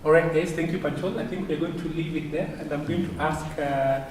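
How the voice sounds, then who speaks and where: A man's voice: fairly high pitch, steady tone, brisk. Chatty man hosting in an echoey hall. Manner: chatty, frequent fillers, restarts himself. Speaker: host of a chess tournament broadcast. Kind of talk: casual tournament commentary and interviewing. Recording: echoey hall, distant mic, background noise.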